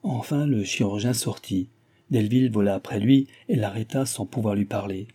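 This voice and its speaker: A man narrating a classic novel as an audiobook in a measured, even reading. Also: on the low side, husky. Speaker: audiobook reader.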